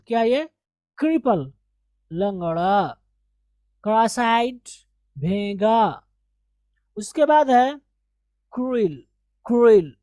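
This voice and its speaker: A woman teaching English vocabulary, repeating each word slowly for pronunciation drill. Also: mid-range voice, mellow, no echo.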